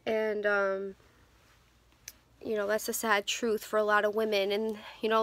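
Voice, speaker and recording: This is a twenty-something woman talking to her phone camera from inside a car, sharing stories in a casual, candid way full of ums and false starts. Her voice sits in the mid range and sounds a bit bright, and the recording is dry.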